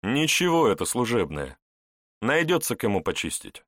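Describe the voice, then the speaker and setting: A courteous young officer who speaks in a calm, genial, smiling tone, as the male narrator voices him. His delivery is lively in tone. It is a dry, close audiobook read. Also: mid-range voice, moderate pace, dry recording, voice pushed up.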